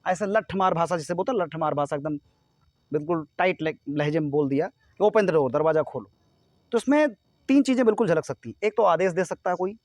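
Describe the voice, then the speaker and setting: A man's voice: fairly high pitch, animated, brisk, no room sound, studio quality. A man from India teaching a grammar lesson to students, explaining step by step and often checking that they follow.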